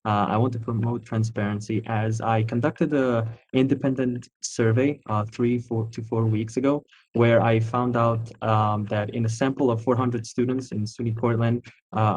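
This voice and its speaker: A man's voice: lowish voice, darkish tone, breathy edge, poor audio. A young man from Armenia, raised in Italy, giving an earnest student campaign speech with many fillers. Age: young adult. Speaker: student candidate.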